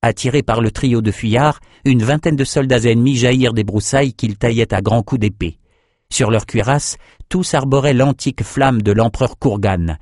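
This is a male narrator reading a fantasy audiobook with steady, even pacing. His voice sits on the low side. The recording is dry and close. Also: no room sound. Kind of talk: scripted narration.

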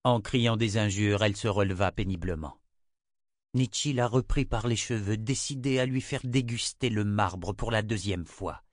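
Male audiobook narrator with a low voice, steady measured read, dry booth sound. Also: dry recording. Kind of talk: scripted narration.

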